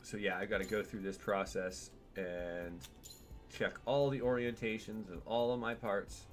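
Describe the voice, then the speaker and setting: A man's voice: on the low side, steady tone, measured pace, faint music behind. Chatty man streaming a game at home. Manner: chatty and digressive, talks to his cat while playing. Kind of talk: casual gameplay stream commentary.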